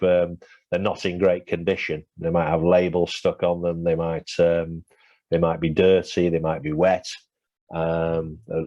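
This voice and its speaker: Presenting a webinar and answering questions, a man with a low, darkish voice keeps using fillers and restarting as his voice fades. There's no room sound, and the audio is dull and lo-fi.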